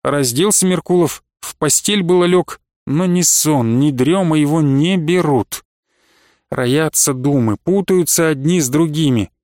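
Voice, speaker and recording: A man narrating a classic novel in a measured, expressive storytelling manner. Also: a little high, no echo, studio quality. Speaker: audiobook narrator.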